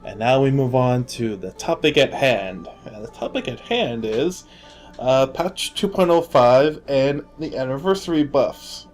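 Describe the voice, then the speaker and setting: Male podcast host, easygoing banter, average pitch, faint background music. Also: animated, measured pace. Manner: jokey, laughs often, trails off with fillers. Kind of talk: casual gaming podcast chat.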